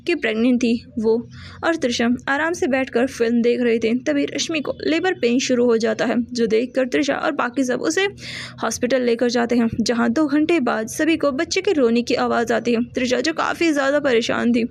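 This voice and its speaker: A woman narrating a romance audio story in a steady reading voice with small restarts. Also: on the high side, normal speed, vocal fry.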